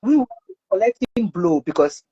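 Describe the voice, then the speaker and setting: A woman, a mother being interviewed, telling her story in a lively way and acting out her son's cries. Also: normal speed, highs cut off, slight background noise. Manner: animated, acts out her son's screams in a high voice.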